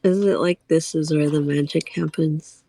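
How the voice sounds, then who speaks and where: A woman's voice: sits low, fairly even intonation, normal speed, warm tone. A woman chatting and joking with family during a live game stream. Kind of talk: casual gameplay chat.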